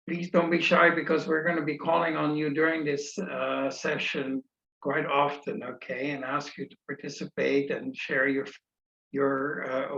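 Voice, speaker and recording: A Dutch man facilitating a remote video meeting gives an unscripted introduction, his mid-range voice slightly bright with vocal fry. He speaks informally, with polite, hesitant phrasing, and the online audio sounds echoey and dull.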